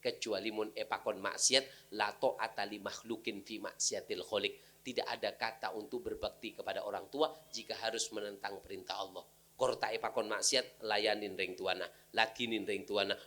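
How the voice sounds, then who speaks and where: Lively Madurese-accented preacher. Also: male voice, lowish voice. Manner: animated, mixing Madurese and Indonesian, sudden loud outbursts and mock crying. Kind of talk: humorous sermon.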